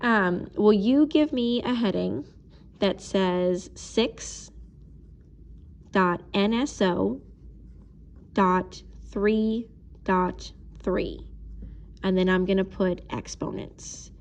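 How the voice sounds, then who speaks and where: Female teacher, mid-pitched, patient, step-by-step math lesson voice, occasionally slows down while writing. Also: creaky. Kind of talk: recorded math video lesson.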